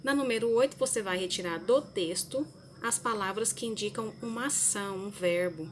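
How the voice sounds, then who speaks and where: A woman's voice: medium pitch, moderate pace, slight background noise. A woman, a primary school teacher giving a recorded lesson to children, explaining each task patiently step by step.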